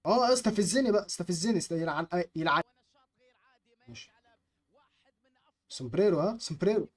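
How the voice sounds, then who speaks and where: Speaking fast in a high-pitched voice, this young Egyptian-accented gaming YouTuber narrates his play live. He gets worked up, chants at the screen, and mutters under his breath to settle his nerves.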